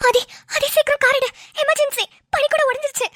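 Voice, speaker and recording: A woman's voice: extremely high pitch, fairly even intonation, fast talker, fairly bright tone, no room sound, clean studio sound. A woman voicing a young woman in a cartoon who takes charge in an emergency, urgent and commanding. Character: alarmed young woman, bossy in a crisis. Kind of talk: cartoon voice acting.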